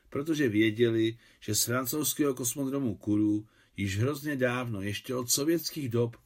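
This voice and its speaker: A man narrating a short story in a measured, even reading voice. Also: medium pitch. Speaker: audiobook narrator.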